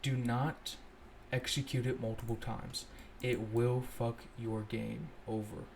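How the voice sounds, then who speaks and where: A young man at his computer talks through code in a loose, thinking-out-loud way, pausing to correct himself. His voice sits at an ordinary pitch for a man. Faint noise and keyboard clicks run beneath it. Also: creaky. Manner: relaxed, thinks aloud, self-correcting. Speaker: scripting tutorial host. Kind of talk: casual screen-recorded coding walkthrough.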